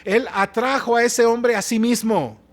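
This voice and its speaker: A man with a Mexican Spanish accent preaching a sermon as pastor, moving between loud exhortation and soft asides. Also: very high-pitched, fairly even intonation, unhurried. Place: church.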